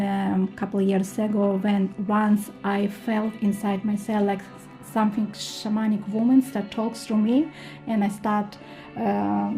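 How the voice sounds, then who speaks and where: Ukrainian-accented woman, halting and mellow. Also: mid-range voice. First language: not English. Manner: halting non-native English with many ums. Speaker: guest healer. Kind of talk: radio interview answers.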